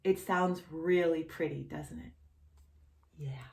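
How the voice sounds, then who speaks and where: A woman with a low voice reads a picture story slowly to young children as a storyteller and channel host. She speaks straight to the child, full of questions, playful expression and exaggerated reactions.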